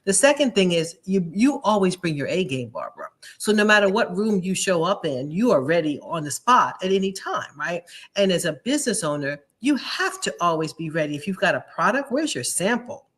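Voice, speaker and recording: Woman with a low voice, upbeat business talk. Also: sing-song, fairly quick, breathy edge. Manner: upbeat, tags lines with "right?". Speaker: show host and business speaker.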